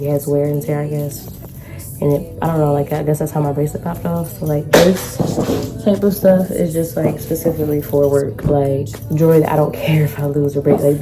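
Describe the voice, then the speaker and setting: A woman vlogger chatting casually through a shopping haul in an informal, slangy, rambling way. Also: sits low.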